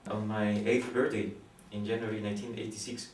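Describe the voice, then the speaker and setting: In halting, thoughtful second-language English packed with fillers, pauses and restarts, a young man from Guatemala describes his astronomy PhD research for an interview. His low voice is level and a little mellow. He is captured at a distance in a roomy space, faint noise behind him.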